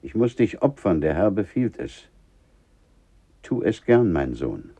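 An actor playing a solemn old father who leads his son to a sacrifice, speaking gravely and insistently in a radio play. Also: low voice, very animated, measured pace, dark tone, exaggerated voice. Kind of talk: vintage radio play acting.

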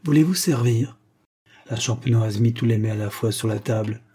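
A man reads a classic novel aloud as an audiobook, telling the story in a measured, steady way. His voice sits lowish and sounds husky.

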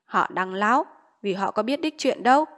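A harsh old village official barks curt orders in an audiobook, voiced by a woman narrator. His words come short and loud, and he leaves no room for argument. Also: medium pitch, expressive, moderate pace, natural voice. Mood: stern. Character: stern old male village official, commanding. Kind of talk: audiobook character voice.

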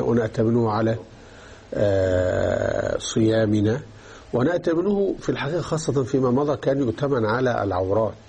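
A man gives a religious lesson, stopping often to ask whether his listeners are following. His voice is husky and warm, with a mellow tone. He teaches patiently and explains step by step. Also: mid-range voice. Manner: explanatory, checks understanding with repeated questions. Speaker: teacher of Islamic jurisprudence.

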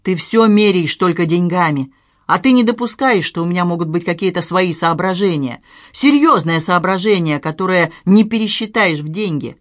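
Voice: mid-range voice, lively intonation, moderate pace, dry recording, natural voice. An audiobook narrator voicing a tired, stern middle-aged father, a mayor, who scolds with weary authority, in a dry recording. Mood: exasperated. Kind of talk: dramatized audiobook reading.

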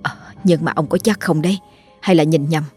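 A woman's voice: low voice, fairly even intonation, a little fast, a little mellow, slightly rough, faint music behind. A woman voicing a fussy, scolding middle-aged village wife. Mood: fretful. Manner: scolding, stammers when scared.

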